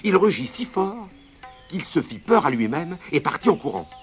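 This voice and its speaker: A man narrating a children's tale in an expressive, animated storybook manner. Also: fairly high pitch. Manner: very lively, slow, animated reading. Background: soft music.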